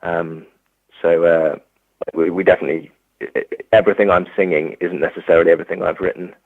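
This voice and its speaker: A young English musician, appearing as a guest in a casual interview, speaks hesitantly with many fillers and restarts. His voice is deep and creaky, with fairly even intonation and a quick pace. The recording has no echo but sounds tinny, like a phone.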